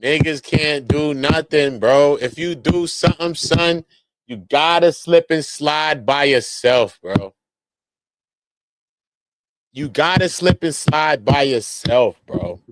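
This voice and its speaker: An American man speaks slowly in a higher register, recorded with no echo. He comments on criminal cases in casual street slang, sometimes reading from documents, and his style is emphatic, slangy and repetitive in its verbal tags.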